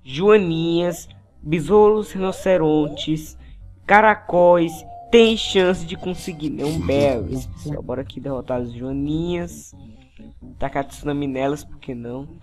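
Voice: medium pitch, a little slow, darkish tone. A gaming YouTuber with a Brazilian Portuguese accent, giving an upbeat game tutorial and constantly addressing the viewers, with faint music behind.

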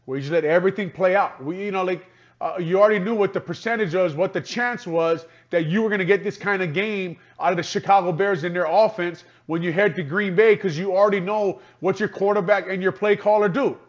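A man's voice: high-pitched, brisk. Frustrated male radio analyst on a dull line. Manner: frustrated, repetitive, restarts often. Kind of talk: postgame radio talk.

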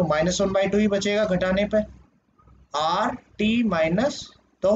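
A young man with a fairly high voice talks through a problem in a casual lesson, step by step, with plenty of fillers and restarts. The recording is a bit dull and lo-fi, with a faint hiss behind him. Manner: explains step by step, many fillers and self-corrections. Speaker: teacher. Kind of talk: casual Hindi lecture working a problem on screen.

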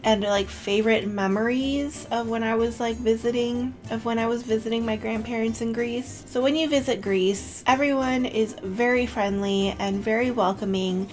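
A young woman vlogging casually to camera, chatty and full of "like", emotional and close to tears. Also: on the high side. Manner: chatty, with filler "like" and self-corrections. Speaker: beauty vlogger.

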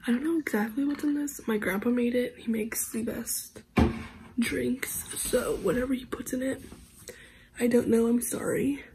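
Young woman vlogger, stuffy nasal cold voice, a bit high, rambling and soft at home, faint room noise. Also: steady tone, normal speed, rough recording. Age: young adult. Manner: chatty, rambling, often drops to a half-whisper. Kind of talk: casual vlog chat. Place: at home, indoors.

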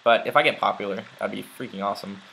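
A young man playing a game talks fast in a low, pushed, bright voice with vocal fry, and the audio is poor. His let's play commentary is casual and rambling, heavy with ums and uhs.

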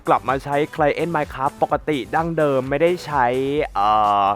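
A young man with a higher-than-usual voice, slightly stuffy from a cold, narrating his gameplay in a loose, rambling way. He speaks directly to his audience in easy asides. Faint game music plays softly behind him. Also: unhurried. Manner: chatty, addresses viewers directly, rambling asides. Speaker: gaming YouTuber. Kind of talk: casual gameplay commentary.

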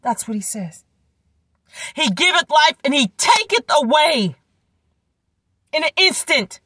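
A woman preaches in a high, bright voice with a dry, close sound, speaking through a swollen throat and tonsils. Her religious monologue is emphatic and exhorting, and she repeats phrases to drive them home. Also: big pitch swings, slow, no room sound. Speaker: religious video creator, preacher.

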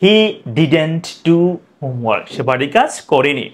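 A man teaching English in a video lesson. He repeats example sentences slowly and keeps asking the viewer questions. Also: fairly high pitch, animated.

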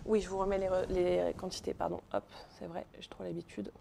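A woman's voice: lowish voice, flat delivery, brisk, vocal fry, warm tone, a little hiss or hum. A woman teaching a live pastry class in a kitchen, chatty and joking with viewers, often checking in with "ok?". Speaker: pastry instructor. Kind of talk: live online baking class.

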